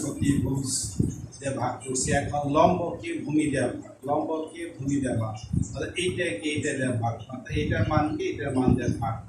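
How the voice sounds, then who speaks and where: Male math teacher in an echoey room. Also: a little high. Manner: slow, repeats and spells out terms. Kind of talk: classroom lesson at a board. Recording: echoey room, mic far off, noisy.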